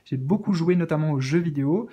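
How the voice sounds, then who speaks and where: A man with a slightly high voice reads spiritual cards in a casual, soothing way. He stumbles and restarts often, filling pauses while he searches for the right words. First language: French. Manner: hesitant, searching for words, many fillers; gentle, reassuring. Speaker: tarot card reader. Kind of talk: casual spiritual card reading.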